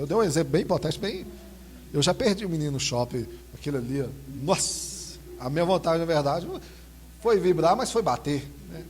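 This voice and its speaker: A man preaching a sermon in a Brazilian accent, reading scripture slowly and then telling stories animatedly. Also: a little high. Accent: Brazilian Portuguese. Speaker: pastor. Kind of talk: expository sermon with personal anecdotes.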